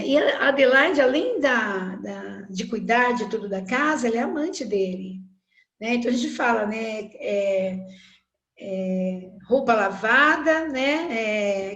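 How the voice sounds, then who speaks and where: A woman with a Brazilian accent teaching a recorded online literature class, chatty and full of tag questions. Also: a little high. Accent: Brazilian Portuguese. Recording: echoey room.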